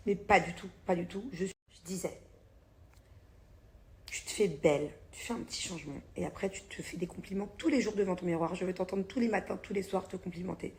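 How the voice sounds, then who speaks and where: Chatty woman in her thirties, low voice. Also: a little fast. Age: 30s. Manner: chatty, blunt, swears casually, laughs often. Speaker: vlogger. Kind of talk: casual chat vlog.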